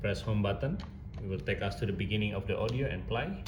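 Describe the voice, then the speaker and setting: Speaking fast in a fairly low voice, this instructor walks through audio digitisation software step by step in a casual way. The room echoes, and there's clear background noise throughout.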